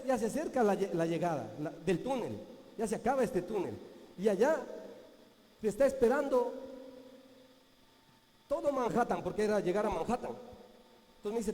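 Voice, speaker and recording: A man with a high but mellow voice tells an earnest, halting story as a motivational speaker. He restarts his phrases often and acts out the people he quotes. The sound is from a large hall with a long, lingering reverb. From Ecuador. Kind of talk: motivational talk to an audience.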